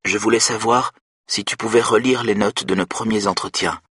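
A man's voice: lowish voice, steady tone, normal speed, a bit bright, slightly rough, no room sound, studio quality, voice pushed up. A man narrating an audiobook who voices an embarrassed young woman, a doctoral student, hesitant and awkwardly polite.

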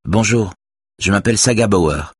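A calm, businesslike young woman investigator, read by a male narrator. The voice is only lightly lifted from his low, slightly husky tone. It is recorded close and dry. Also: normal speed, no room sound.

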